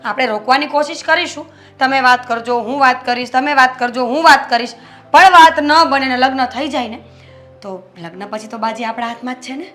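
A sly plotting confidante. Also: female voice, a little fast, fairly bright tone, faint music behind. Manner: sly, low, conspiratorial. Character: cunning woman plotting against a marriage.

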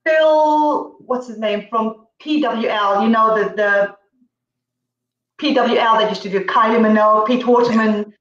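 A woman's voice: a little high, unhurried, fairly bright tone. Zambian-born singer lady chatting on a video call, kinda far off and echoey, muffled sound. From Zambia, grew up in Zimbabwe. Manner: chatty, storytelling with many fillers. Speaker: guest singer. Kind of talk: casual interview over video call. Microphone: distant laptop mic on video call. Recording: roomy, distant, dull video call audio.

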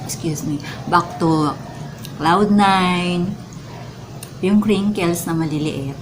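Clear background noise surrounds a Filipino woman with a slightly low voice. She chats casually to her viewers in a mukbang eating vlog, savouring the food as she talks. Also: slow pace. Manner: chatty, addresses viewers directly. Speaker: vlogger.

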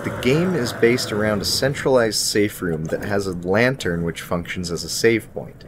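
Over background music and background noise, a young man with a low-pitched voice delivers a scripted video game review in an articulate, presentational style.

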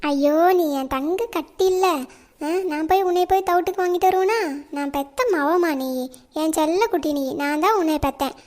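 A woman voicing an affectionate village mother in a cartoon, cooing softly and fondly. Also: very high voice, moderate pace. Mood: doting. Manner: soft, cooing and fond. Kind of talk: cartoon voice acting.

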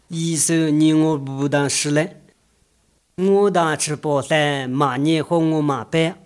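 A man's voice: on the high side, a little mellow. A man speaking in film dialogue, calling out in an exclamatory way.

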